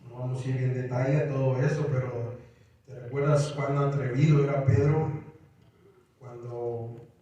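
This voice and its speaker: A man preaching a sermon to his congregation, animated, raising his voice as he acts out scripture. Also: mid-range voice, normal speed, muffled recording. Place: church sanctuary. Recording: echoey church hall, mic at a distance.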